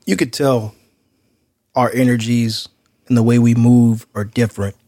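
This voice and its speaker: Male podcast co-host, outgoing, casual street slang, medium pitch, dry recording. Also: steady tone, a little slow, mellow, dry recording.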